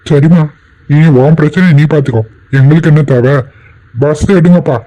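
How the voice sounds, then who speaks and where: Man voicing a cold, dismissive cartoon bystander, low mellow tone, brushing people off. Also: moderate pace, lightly acted, low-quality recording. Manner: dismissive, curt. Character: callous man leaving an injured stranger.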